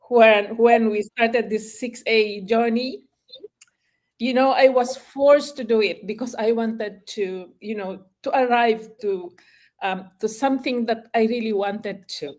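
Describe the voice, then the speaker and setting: A woman's voice: fairly high pitch, a little mellow. An older woman giving a shy, hesitant personal testimony with many fillers. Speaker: retired nurse giving a testimony.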